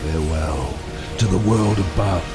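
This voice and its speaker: An actor playing a brooding, fatalistic submarine captain in a dramatic audio drama, grave and theatrical. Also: male voice, low-pitched, moderate pace, natural voice. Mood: solemn farewell. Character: brooding, fatalistic, obsessed submarine captain, middle-aged man. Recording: loud cinematic music, storm effects underneath.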